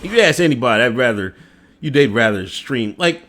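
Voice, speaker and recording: A middle-aged man chats through a casual livestream in a mid-pitched voice. His pitch swings widely as he talks, and he breaks into laughter often between loose, filler-heavy sentences. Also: expressive, a little fast, a bit bright. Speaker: show host.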